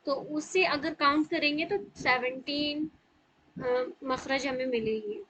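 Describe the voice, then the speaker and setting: Woman tutor, high voice, walks thru tajweed sounds one by one, keeps asking "theek hai". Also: takes it slowly, a bit bright, poor audio. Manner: explains step by step, checks in with "theek hai". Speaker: Quran recitation teacher. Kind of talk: online tajweed class.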